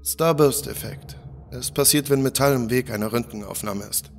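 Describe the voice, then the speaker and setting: A man voicing an excited, horrified male medic who explains things urgently in a spoken horror story. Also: mid-range voice, moderate pace, gravelly, soft background music, lightly acted.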